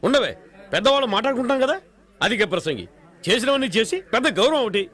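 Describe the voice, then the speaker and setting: A man's voice: very high voice, animated, quick pace, a bit bright, exaggerated voice. An actor playing an agitated middle-aged father who scolds his daughter and pleads for forgiveness, in a dubbed film. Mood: pleading. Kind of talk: Telugu film dub.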